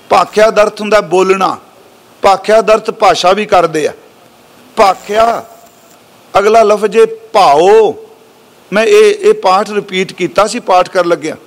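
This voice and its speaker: High-voiced Punjabi preacher expounding scripture. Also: male voice, fairly bright tone. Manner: explains word meanings slowly, recites verses drawn out. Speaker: Sikh preacher. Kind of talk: scriptural exposition sermon.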